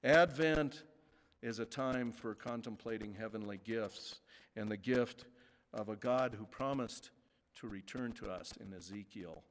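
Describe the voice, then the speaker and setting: A male pastor preaching a sermon in a church, speaking slowly with emphatic pauses. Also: fairly low pitch. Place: church sanctuary. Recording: long reverb of a large sanctuary.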